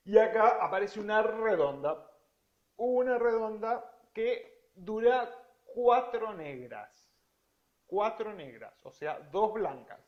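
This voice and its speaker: High-voiced Rioplatense man teaching piano. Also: dull audio. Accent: Rioplatense Spanish. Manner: explanatory, counts rhythms aloud while playing, drawn-out stressed words. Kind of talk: piano lesson, counting beats aloud. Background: piano playing.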